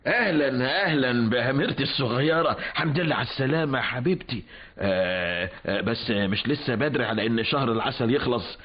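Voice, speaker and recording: An actor playing a wealthy older Egyptian father in a radio drama, affectionate but quick to anger. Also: medium pitch, lively intonation, a little hiss or hum, natural voice. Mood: teasing. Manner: affectionate, bursts into angry commands. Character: wealthy older father, newly remarried, doting but stern. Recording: dull lo-fi radio recording with music.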